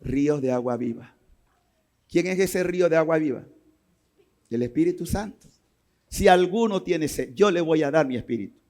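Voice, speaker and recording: Man, priest, sermon, high voice, impassioned, shouts at peaks. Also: lively intonation, normal speed, pauses often. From Panama. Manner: impassioned, rising to shouts and dropping low.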